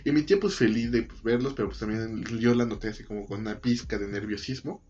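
A man's voice: fairly low pitch, fast talker, dull audio, soft background music. A young man with a Mexican Spanish accent, casually telling a story full of profanity and acted-out quotes. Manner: profane, slangy, animated retelling with acted quotes.

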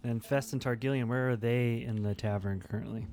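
A man's voice: mid-range voice, steady tone, fairly quick, darkish tone, soft background music. A man running a tabletop game, narrating and asking players questions in a casual way. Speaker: game master.

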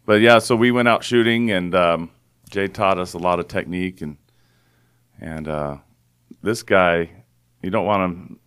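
A man's voice: sits low, measured pace, smooth. A man hosting a podcast in easy casual chat, his voice still groggy from the early morning. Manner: relaxed, chatty, bit groggy. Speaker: podcast host.

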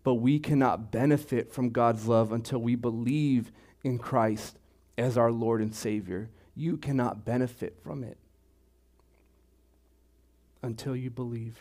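Slow-preaching man. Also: medium pitch, a little mellow. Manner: slow, deliberate preaching with repetitions. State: throat clearing, choked up. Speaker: pastor. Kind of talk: sermon.

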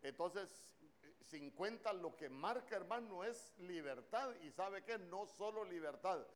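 A man's voice: high-pitched, expressive, takes it slowly. A man preaching a sermon in a church, with a Honduran Spanish accent, throwing questions at the congregation.

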